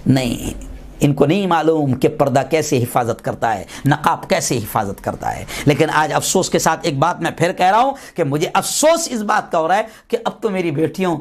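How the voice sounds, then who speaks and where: An impassioned male preacher with a high, ringing voice delivers a fiery sermon. He repeats phrases for force and climbs into shouted exhortations, with a lilt.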